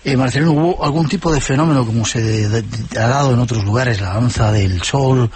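A man hosting a late-night radio interview, briskly reading time checks and prompting his guest. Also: mid-range voice, darkish tone, slightly rough. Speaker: radio host.

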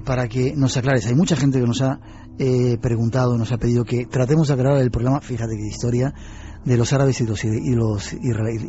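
A man's voice: mid-range voice, dark tone, slight background noise. A man hosting a radio interview, chatty and informal as he introduces and questions his guest. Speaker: radio host. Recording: dull lo-fi radio broadcast.

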